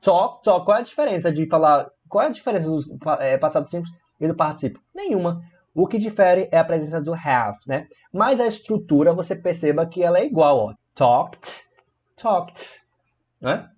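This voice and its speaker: A man's voice: fairly high pitch, moderate pace. Brazilian guy teaching a grammar lesson, bouncy voice all over the place, kinda dull lo-fi audio. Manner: lively, playful storytelling with rhetorical questions. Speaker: English teacher. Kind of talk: video lesson explaining grammar.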